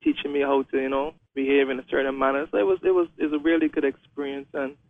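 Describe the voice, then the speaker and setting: A man's voice: medium pitch, level tone, fast talker, no room sound. A young man from Guyana, a wheelchair racer talking hesitantly as a guest in a radio interview. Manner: hesitant, many "um"s and restarts. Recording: phone-line radio call.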